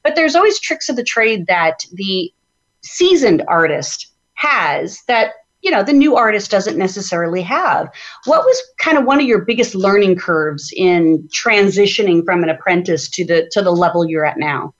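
Woman podcast host, chatty, halting restarts, muffled lo-fi audio. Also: mid-range voice, big pitch swings. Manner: chatty, many restarts and fillers. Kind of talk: casual interview chat. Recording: dull lo-fi audio.

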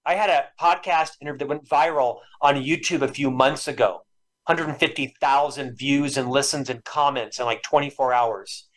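Heard on a low-quality recording, a man in his fifties from Florida speaks at normal speed in a mid-range voice. A lifelong stutterer, he's a podcast guest in a reflective interview, sharing personal stories in an earnest, emotional way.

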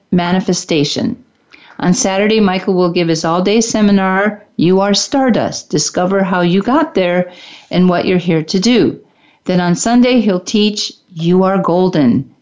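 A woman's voice: medium pitch, darkish tone. A woman co-hosting a radio talk show reads an upbeat promotional announcement for an event. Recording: dull lo-fi radio sound.

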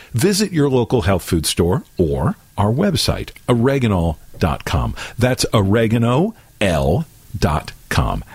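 A man's voice: low voice, a little mellow, breathy edge, no room sound. A man reading a scripted radio ad in a salesy announcer manner. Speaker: commercial announcer.

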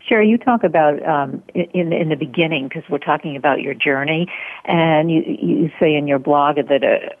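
Low-voiced woman interviewer, phone-like sound. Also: normal speed, breathy edge, no echo. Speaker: interviewer, host. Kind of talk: conversational interview questioning.

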